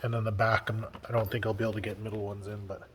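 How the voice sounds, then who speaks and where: A man's voice: lowish voice, little pitch movement, rapid-fire, big-room sound, crowd noise. A man with a stuffed-up nose, casually narrating a home-building vlog in an upbeat, chatty way. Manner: upbeat and chatty, laughs often. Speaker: vlog host. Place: workshop house under renovation, indoors.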